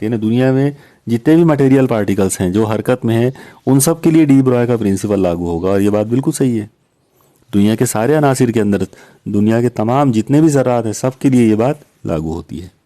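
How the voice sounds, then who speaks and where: A man's voice: mid-range voice, animated, brisk, mellow. A man teaching physics, patiently working through exam questions and often checking in with his listeners. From India. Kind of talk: recorded lecture solving exam questions.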